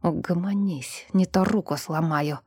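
A woman's voice: expressive, a little mellow, husky, dry recording, studio quality, full character voice. A woman hissing as a gloating vengeful spirit. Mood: mocking. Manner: low hissing whisper, slow and gloating. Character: vengeful male spirit possessing a girl, mocking.

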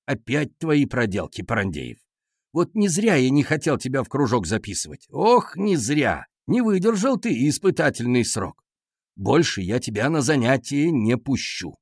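A man voicing a stern, flustered older male teacher in a children's audiobook, low and gruff. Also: big pitch swings, moderate pace, dry recording, studio quality. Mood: scolding. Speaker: school nature club teacher.

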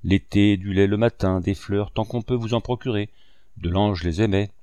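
Brief: reproachful, affectionate young woman in an audiobook read by a low-voiced man, dry close sound. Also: fairly even intonation, moderate pace, warm tone, smooth, no echo, natural voice. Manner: indignant, pleading questions. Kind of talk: audiobook reading.

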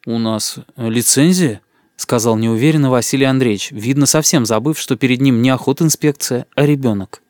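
Man narrating an audiobook, calm and wry, mid voice, no room sound at all. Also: medium pitch, fairly quick, few pauses, dry recording, clean studio sound. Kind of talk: audiobook reading.

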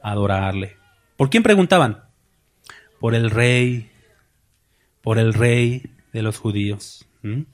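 A man preaching a sermon as pastor, lively, asking the congregation questions and acting out voices. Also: on the low side, takes it slowly, pauses often.

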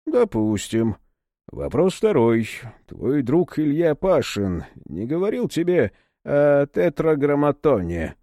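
Man doing a cold, bassy henchman. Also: slow pace, no echo, clean studio sound, full character voice. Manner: bass, calm, indifferent interrogation.

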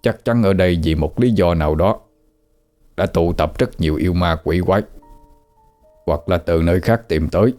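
A man voicing a stern old male exorcist master, giving slow, solemn warnings. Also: deep voice, a little mellow, faint music behind, natural voice. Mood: grave.

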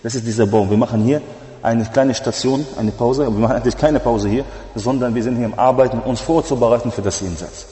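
A man's voice: medium pitch, fast talker, dark tone. A man giving a storytelling sermon, retelling old stories with fervent, rising emphasis and weaving Arabic religious phrases into his talk. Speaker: preacher. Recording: echoey hall with long reverb.

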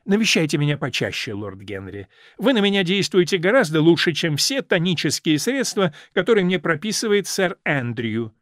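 Man putting on a higher, busy, meddling old society lady for an audiobook; lively and teasing. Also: moderate pace, hardly any pauses, no room sound, studio quality. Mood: cheerful. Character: chatty older society lady, meddling matchmaker.

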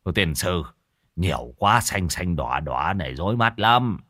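A man's voice: deep voice, expressive, unhurried, bright, forceful tone, dry recording, studio quality, heavily acted. A man voicing a brusque, greedy old village sorcerer who scolds everyone around him. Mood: scolding.

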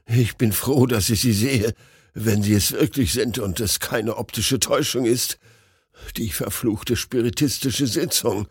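A man's voice: mid-range voice, unhurried, husky, no room sound, studio quality. A man voicing a terrified young male doctor who gasps and pleads in panic. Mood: panicked.

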